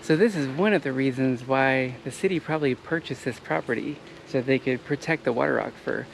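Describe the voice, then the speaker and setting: Man host, gravelly voice, laid-back trail vlog, faint outdoor noise. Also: medium pitch, fairly quick. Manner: relaxed, explanatory, with fillers. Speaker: travel vlogger. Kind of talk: casual hiking vlog chat.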